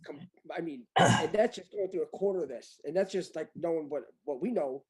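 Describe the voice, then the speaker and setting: A man's voice: fairly high pitch, brisk. A man in a casual commentary chat who reads aloud from a document, rambling and repeating himself in disbelief. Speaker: guest reading a document aloud.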